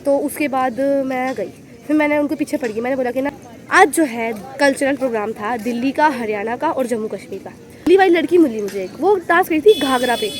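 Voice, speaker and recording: A young woman from Haryana telling a story in a casual vlog, animated and exclaiming, filmed on a phone held at arm's length outdoors at night. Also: sits high. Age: young adult. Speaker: vlogger.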